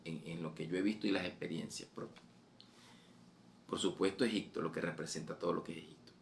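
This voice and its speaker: A male preacher with a low, gravelly voice delivers a fervent sermon. He repeats his phrases and lifts his voice when he urges his listeners on. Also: fairly even intonation, a little fast, slight background noise. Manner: fervent, repetitive, voice rising on quoted exhortations.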